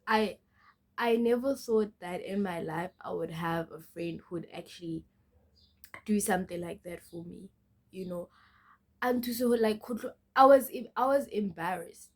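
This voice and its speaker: Young woman, slightly low voice, casual storytime vlog, chatty and direct with viewers. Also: measured pace. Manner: chatty, mixes in local phrases, often addresses the viewers. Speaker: vlogger.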